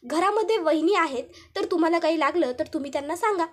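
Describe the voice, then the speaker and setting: A woman doing a hurried, polite young man. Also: extremely high pitch. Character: polite young brother-in-law in a hurry.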